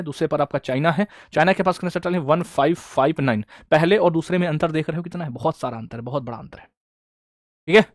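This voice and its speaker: Online class teacher, male, brisk quiz style, dry close-miked sound. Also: a little high, dry recording. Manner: quizzing students, repeating answers. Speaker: exam coaching teacher.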